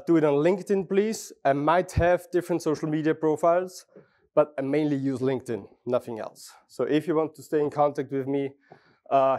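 A man's voice: a little high, darkish tone. A middle-aged Austrian man with a German-speaking accent giving a friendly, chatty technical talk on a conference stage, often restarting phrases and asking the audience questions. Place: large conference hall.

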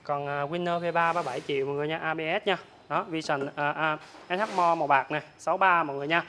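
Male, young, southern Vietnamese accent. Hard-sell price patter, extremely quick, repetitive and informal. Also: on the high side, steady tone, sharp tone. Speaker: motorbike salesman. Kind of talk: hard-sell sales pitch, listing prices. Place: large open-sided motorbike warehouse. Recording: clear ambient noise of open warehouse.

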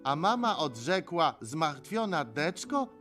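An actor dubbing a grumpy middle-aged male supervillain in an animated film, speaking in a gruff, exasperated, sarcastic way. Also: on the high side, slow, faint music behind, exaggerated voice. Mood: reluctant reading. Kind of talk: animated film dub acting.

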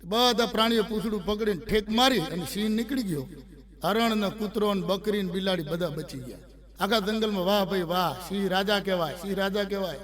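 In a recording studio, a middle-aged comedian with a Gujarati accent tells stand-up jokes in Gujarati, narrating comic stories and voicing the characters' quotes. His voice sits high, with a brisk pace and fairly bright tone.

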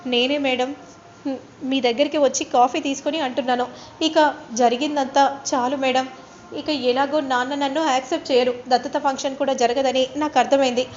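A woman's voice: high-pitched, steady tone, fairly quick, muffled recording, a little hiss or hum, lightly acted. A woman voicing a clever young wife who speaks politely but coolly mocks her rival. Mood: meek. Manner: polite on the surface, coolly mocking.

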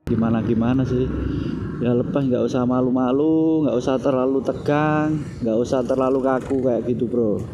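A man's voice: mid-range voice, normal speed, muffled recording, over loud music. A young man vlogging from a motorbike in city traffic, hesitant and repetitive, calling the viewer "bro" a lot. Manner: hesitant, repeats himself, says "bro" a lot. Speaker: motovlogger. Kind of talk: casual motovlog talk while riding.

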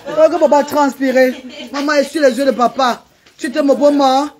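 A woman's voice: high voice, fairly even intonation, normal speed, crowd noise. A woman hosting a casual live stream at a charity event, chatty and calling out praise and instructions.

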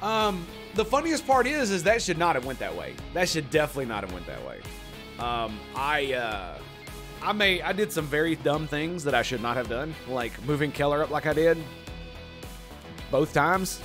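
Man streaming a strategy game, lively voice, higher pitch, faint music behind, casual and swearing. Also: normal speed. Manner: animated, swears and groans at his own mistakes. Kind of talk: casual live-stream commentary.

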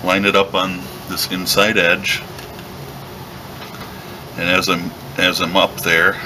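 A man giving a relaxed, step-by-step leatherworking tutorial while he works at a workshop bench, recorded by a camera above the bench. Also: low-pitched, slow, noisy background. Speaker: leatherworking instructor. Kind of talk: hands-on craft tutorial.

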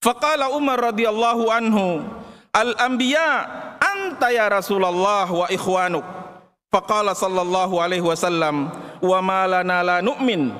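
A man with a high, ringing voice preaches a formal Friday sermon, slow and emphatic, moving between plain speech and Arabic recitation. His words carry a long reverb from a vast mosque hall. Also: fairly bright tone.

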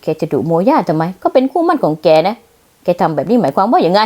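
A woman's voice: mid-range voice, sing-song, fast talker, warm tone. A woman voicing a domineering middle-aged mother who scolds her son in an overbearing manner, in a manga dub. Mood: scolding.

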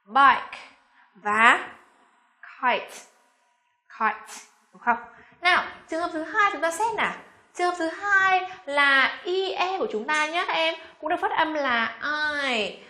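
A woman with a Vietnamese accent teaching pronunciation patiently, repeating example words slowly and asking her students questions. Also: sits high, bright, forceful tone, reverberant. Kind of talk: classroom-style pronunciation lesson.

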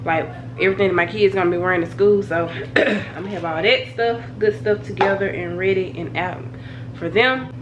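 A young family vlogger with a cold chats casually to her phone camera in her bedroom, rambling and calling her viewers "y'all." Her mid-range voice sounds congested and nasal, moving at a moderate pace. The phone is held at arm's length, and the home recording is noisy with the highs cut off.

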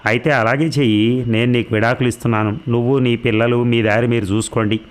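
A man's voice: medium pitch, steady tone, fast talker, clean tone, close to an everyday voice. Man voicing a bitter, defiant middle-aged husband. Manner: bitter complaints, then shouted commands.

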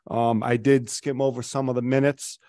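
A man's voice: medium pitch, flat delivery, normal speed, warm tone, no room sound. Middle-aged man, councilor, rambling report with many ums, dry close mic. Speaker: city councilor. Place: city council chamber. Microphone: table microphone.

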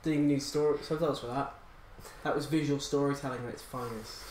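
A man's voice: medium pitch, fairly even intonation, fast, a little mellow, roomy sound, a little hiss or hum, rough recording. A man co-hosting a gaming video, teasing his friend with dry banter. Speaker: co-host. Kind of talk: casual gaming commentary.

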